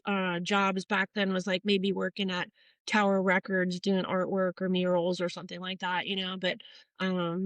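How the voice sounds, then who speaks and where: A woman's voice: on the low side, a bit bright, no room sound, poor audio. A middle-aged woman from Portland, Oregon, a tattoo artist telling her story in a casual interview, rambling and swearing with many fillers.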